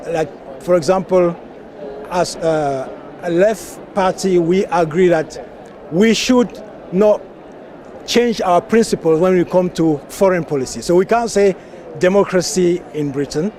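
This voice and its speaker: A man's voice: high voice, a little slow, warm tone, a little hiss or hum. A man from Cameroon, a party member, speaking earnestly and with passion in an outdoor street interview. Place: outdoors at a conference venue, street traffic.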